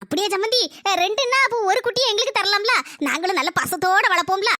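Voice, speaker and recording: A woman voicing a bossy, scheming village mother-in-law in a cartoon, nagging and sharp-tongued, with a southern Tamil Nadu accent. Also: extremely high pitch, expressive, fast, no echo, studio quality, heavily acted. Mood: coaxing. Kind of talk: cartoon voice acting.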